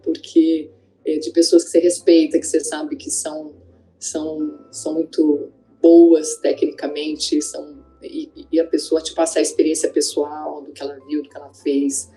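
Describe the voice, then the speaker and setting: A woman's voice: sits low, flat delivery, moderate pace, mellow, faint music behind, low-quality recording. A woman, an ophthalmologist looking back on her career in a conversational way, with frequent fillers and tag questions. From Greater São Paulo, Brazil. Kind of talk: reflective interview testimony.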